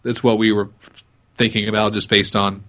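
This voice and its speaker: A man's voice: on the low side, level tone, normal speed, bright, forceful tone. A man co-hosting a casual podcast, laid-back, laughing along and giving short agreements. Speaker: podcast co-host.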